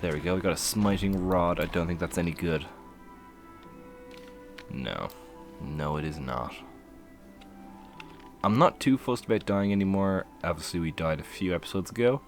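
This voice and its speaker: A man's voice: deep voice, expressive, moderate pace, pauses often, over music. A man giving casual, playful commentary while streaming a game, laughing and humming to himself as he plays.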